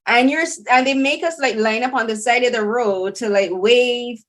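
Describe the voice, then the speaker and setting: A woman from Barbados with a Barbadian accent, hosting a casual interview and telling stories in an animated, chatty way. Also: a little high, moderate pace. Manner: animated, chatty storytelling with many "like"s. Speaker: podcast host.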